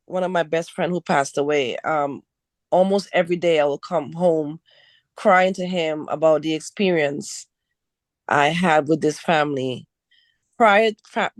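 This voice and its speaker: A woman from Trinidad and Tobago, a guest author on a radio interview, speaking hesitantly with many pauses. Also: sits low, dry recording, studio quality. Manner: hesitant, with many ums and restarts.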